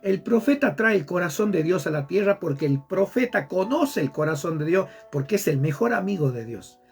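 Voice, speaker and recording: A man's voice: high-pitched, expressive, normal speed, soft background music. A man who is a pastor, preaching fervently with a repetitive sermon cadence. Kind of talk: impassioned preaching on a program.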